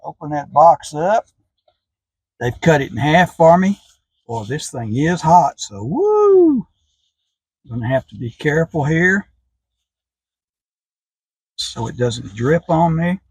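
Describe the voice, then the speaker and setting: Chatty man with a lively pitch. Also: measured pace, long pauses, slightly rough, no echo. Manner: chatty, eats and talks between bites. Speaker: food reviewer. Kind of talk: casual food taste-test vlog.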